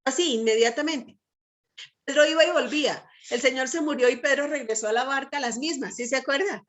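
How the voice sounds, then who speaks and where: A woman's voice: sits high, brisk. Middle-aged woman teaching with tag questions. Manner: peppers speech with tag questions to listeners; lively, emphatic delivery. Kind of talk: Bible teaching talk.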